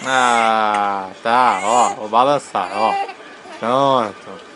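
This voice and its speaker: A young man, gently coaxing and teasing his crying baby in a casual home video. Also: on the low side, extremely slow, background noise.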